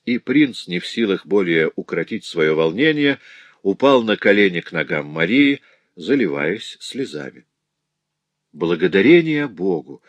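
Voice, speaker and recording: Low-voiced guy reading an old novel, steady and measured, dry sound. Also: dry recording. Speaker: audiobook narrator. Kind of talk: scripted narration of a classic novel.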